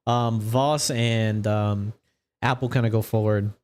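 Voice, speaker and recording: A man working as game master, improvising narration for a tabletop game in a loose, halting, conversational way. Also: lowish voice, steady tone, a little mellow, clear, resonant tone.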